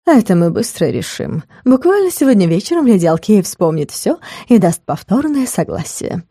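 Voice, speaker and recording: A woman's voice: mid-range voice, sing-song, moderate pace, dark tone, husky, no room sound, clean studio sound. A woman voicing a brash, smug male werewolf baron in an audiobook. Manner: smug, insolent. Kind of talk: audiobook character voice.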